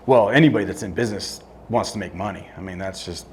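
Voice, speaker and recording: Middle-aged guy talking straight, kinda low voice, blunt, restarts his sentences a lot. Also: fast, slight background noise. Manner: blunt, plain-spoken, restarts mid-sentence. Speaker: construction company owner, guest. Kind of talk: live interview on stage. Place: event room with audience.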